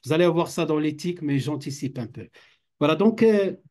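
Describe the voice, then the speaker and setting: In a classroom lecture, a man who teaches at an Islamic institute addresses his students in halting French, restarting sentences, using lots of fillers and slipping in Arabic, his first language. His voice, a little high for a man, is expressive and mellow.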